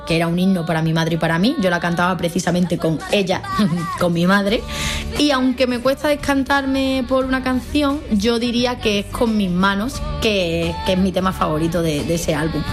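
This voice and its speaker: Fast-talking Andalusian woman on radio. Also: mid-range voice. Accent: Andalusian Spanish from Málaga. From Spain. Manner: fast-talking, joking and chatty. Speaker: radio presenter. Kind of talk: radio monologue.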